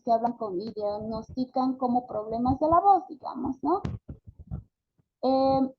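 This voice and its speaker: A woman from Bolivia giving an online postgraduate lecture, hesitant, with many fillers and tag questions, sounding out syllables and words as examples. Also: fairly high pitch. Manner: demonstrates syllables and words aloud. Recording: lo-fi call audio with background noise.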